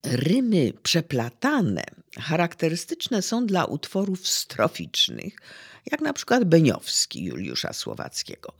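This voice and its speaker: A teacher giving a slow, deliberate lecture on poetry, pausing with fillers and trailing into a whisper at the ends of phrases. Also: medium pitch, vocal fry, slightly rough.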